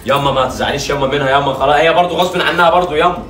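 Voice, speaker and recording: A man's voice: on the high side, rapid-fire, fairly bright tone, reverberant, distant mic, slight background noise. A man with an Egyptian accent acting a pleading son who mediates between his mother and sister. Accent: Egyptian Arabic. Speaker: son and brother in a family skit, video creator. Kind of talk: acted family drama sketch.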